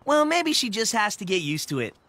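A woman's voice: medium pitch, sing-song, brisk, a bit bright, dry recording. A woman voicing a playful teenage boy from a band, joking in mock-formal tones, in a cartoon.

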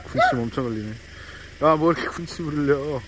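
A man's voice: a little high, quick pace, heavy background noise. A male delivery driver in a casual vlog, cooing and teasing two small dogs outdoors in baby talk. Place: outdoors at a house yard.

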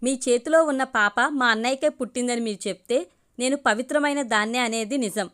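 A woman's voice: a little high, brisk, a bit bright, natural voice. A woman voicing a defiant young woman who protects an adopted baby, firm and emotional.

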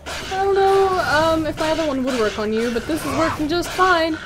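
A woman in her twenties hosts a let's play, offering wry, sarcastic commentary as she games. Her voice is high and her pace normal, with a noisy background behind her.

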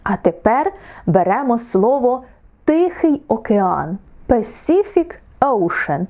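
A woman from Ukraine teaching English pronunciation in an online lesson, encouraging her students and drawing out each example word slowly. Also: on the high side, big pitch swings, warm tone.

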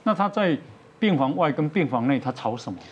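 A man's voice: a little high, animated, a little fast, breathy edge, lo-fi sound. A man, hosting a talk show and putting in short questions. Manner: brief prompts and questions. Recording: loud background noise.

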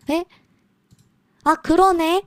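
A woman's voice: very high-pitched, steady tone, very slow, no room sound. A woman live streaming as a virtual idol, chatting casually with viewers in a cute anime streamer manner, playfully whiny and teasing.

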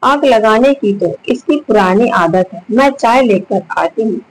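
Storybook mother-in-law, affectionate and insistent, read by a woman, unhurried and higher-pitched. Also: lively intonation, poor audio. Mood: coaxing. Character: doting middle-aged Indian mother-in-law, coaxing.

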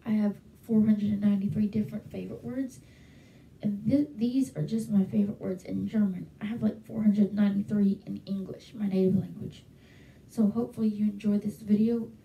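Fairly quick and gravelly, her medium-pitched voice holds a steady tone while she vlogs casually to camera from a small bedroom at home, chatty, enthusiastic and heavy on fillers. The highs are cut off, and despite a handheld mic held close and a webcam, the audio is echoey and distant.

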